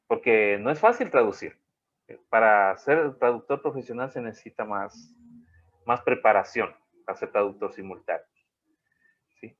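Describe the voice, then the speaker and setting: A man teaching an online class in a rambling way, often checking in with his students. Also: on the low side. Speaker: college teacher. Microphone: video call. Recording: dull lo-fi video call audio.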